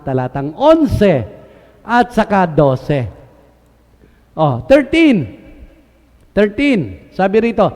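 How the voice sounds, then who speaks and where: A man preaches to his congregation in a bright, high voice. He quizzes them and answers himself, mixing Tagalog and English and acting out the voices he quotes. His words ring with the long reverb of a church hall. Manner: switches between Tagalog and English. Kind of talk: sermon.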